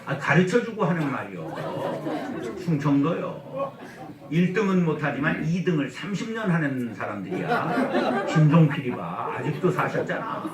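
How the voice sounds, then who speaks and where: A man preaching a humorous revival sermon, getting the congregation to repeat after him and mimicking slow regional speech. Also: a little high, sing-song, a loud crowd. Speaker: guest pastor at a revival meeting. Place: church sanctuary. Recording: echoey church hall, mic at a distance.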